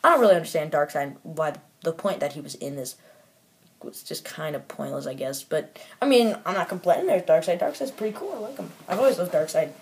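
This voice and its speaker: A man's voice: fairly high pitch, expressive, brisk. A man casually reviewing a toy set, rambling with lots of fillers and restarts and making offhand, mildly critical remarks.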